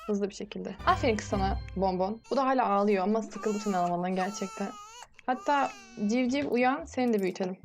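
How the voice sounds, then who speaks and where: Gravelly-voiced woman narrating her gameplay. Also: mid-range voice, darkish tone. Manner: chatty, scolding the game characters. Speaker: gameplay commentator. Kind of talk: casual let's-play commentary.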